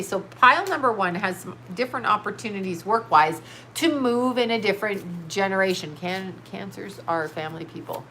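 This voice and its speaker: Here a middle-aged tarot reader, nose stuffed up, talks to her live-stream audience while reading cards, bluntly and with plenty of swearing, laughter and scattered thoughts. The mid-range voice comes across bright and forceful, with slight hiss or hum.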